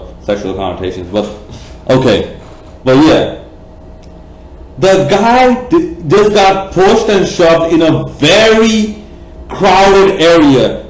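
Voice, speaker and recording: Casting note: slightly high-voiced man, blunt, profane vlog ranter, echoey room. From Bangladesh. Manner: passionate, rambling, many fillers and restarts, blunt and profane. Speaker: cricket vlogger. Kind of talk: opinionated vlog rant.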